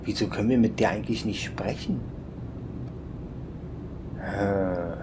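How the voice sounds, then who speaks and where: Male let's player, unhurried and musing, rumble from the game behind. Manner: musing, chuckling, thinks aloud. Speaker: let's play commentator. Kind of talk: casual gameplay commentary.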